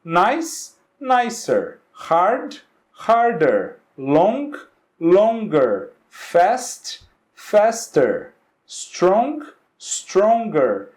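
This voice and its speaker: A man teaching an English lesson, his voice rising and falling in a lively way as he explains. He sits a little higher than most men and keeps checking in with his class. He slows right down to model each English word. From Brazil.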